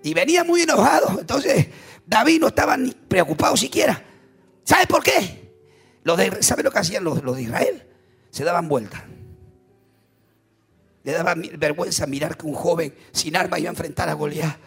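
A preacher tells a story from the pulpit in a high, wildly swinging voice with a gravelly, husky texture. He is dramatic and animated, jumping into sudden loud bursts. Faint music plays underneath. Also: moderate pace, long pauses.

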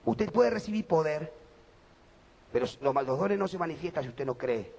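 A man preaching a sermon. His voice is gravelly and worn, and he moves between quiet talk and fervent shouting. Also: on the high side, animated, moderate pace.

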